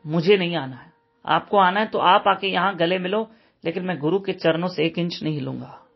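Humble young disciple, polite but firm, husky voice, storyteller putting him on. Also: male voice, high-pitched, moderate pace, dull audio, heavily acted. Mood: steadfast. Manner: polite, steadfast.

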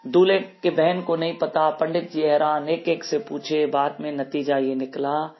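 A man's voice: fairly high pitch, level tone, a little slow. A man narrating a devotional story in a folksy, repetitive storytelling manner. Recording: muffled recording with faint music.

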